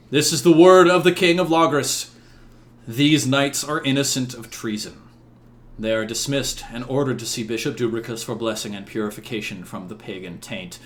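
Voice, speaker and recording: A man voicing a stern medieval king who makes formal, measured pronouncements from his throne in a tabletop game. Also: mid-range voice, natural voice.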